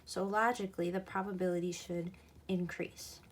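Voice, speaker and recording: A woman's voice: on the low side, steady tone, normal speed, slight background noise. A woman teaching a recorded math lesson, explaining patiently and going back over each key point.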